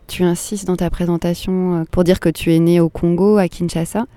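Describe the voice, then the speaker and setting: A radio host narrating a sound portrait and gently asking interview questions. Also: medium pitch, little pitch movement, normal speed, clear, resonant tone.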